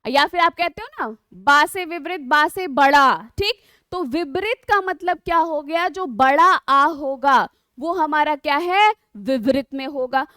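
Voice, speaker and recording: A woman with a very high voice teaches an online exam-prep lesson, drawing out her words and asking her students rhetorical questions. The sound is dry and close, with no room around it. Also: animated, pushed and bright, dry recording. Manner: patient, drawn-out explaining with frequent rhetorical questions to students.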